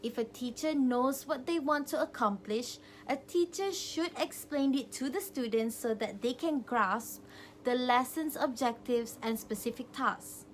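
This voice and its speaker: A young adult woman gives a semi-scripted student presentation, explaining things step by step while loosely following her notes. Her voice is fairly high, and the rough recording carries slight background noise.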